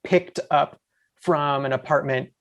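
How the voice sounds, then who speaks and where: A man in his forties from the USA, a podcast guest, telling rambling, excited stories in casual chat and acting out his own lines. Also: fairly high pitch, measured pace. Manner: excited, rambling, quotes himself.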